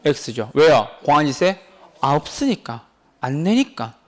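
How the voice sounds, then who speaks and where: A man teaching a real estate exam class, lively and teasing as he keeps putting questions to his students. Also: fairly high pitch, a little slow. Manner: animated, teasing, asks the class many questions.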